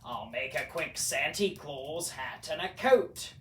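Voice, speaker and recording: A man's voice: fairly high pitch, lively intonation, takes it slowly, sharp tone, exaggerated voice. A man voicing a sour, scheming middle-aged grump of a storybook creature, snarling and sneering with theatrical emphasis. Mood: gleeful scheming. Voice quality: snarling, growling. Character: sour, scheming male Grinch, fifty-three-year-old green grump. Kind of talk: theatrical storybook character reading. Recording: roomy, distant mic, faint noise.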